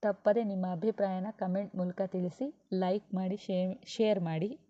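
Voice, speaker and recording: Woman reading a story in an even voice. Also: medium pitch, measured pace. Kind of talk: scripted story narration. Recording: dull, muffled recording.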